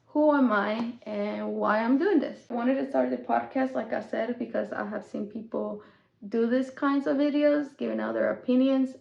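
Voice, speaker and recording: A talkative young woman, chatting casually as a podcast host and switching between English and Spanish. Her voice sits a little high, with a gravelly edge. The sound is echoey and slightly dull. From Mexico. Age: 20s. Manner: chatty, code-switching, with small laughs.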